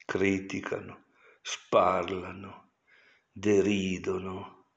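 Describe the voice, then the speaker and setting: Older male priest, low gravelly voice, unhurried explanatory sermon with stern warnings, dull lo-fi tape. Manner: explanatory, digressive, sternly admonishing. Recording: dull lo-fi recording.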